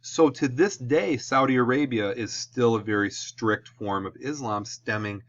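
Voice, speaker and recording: A history teacher with a Midwestern American accent lectures in a relaxed classroom-video style, often checking in with "okay?". His voice is mid-range and unhurried, and the sound is lo-fi.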